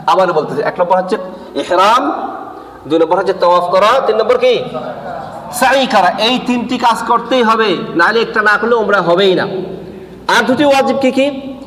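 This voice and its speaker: A man's voice: high-pitched, moderate pace, pauses often, a bit bright. A man preaching a religious lesson, asking his listeners questions and answering them himself while repeating the key points. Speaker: Islamic preacher. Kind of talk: sermon-style religious lesson. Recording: echoey hall with long reverb.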